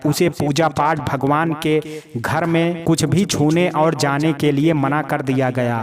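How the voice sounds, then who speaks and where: Man narrating a family drama story. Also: fairly high pitch. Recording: crowd noise in background.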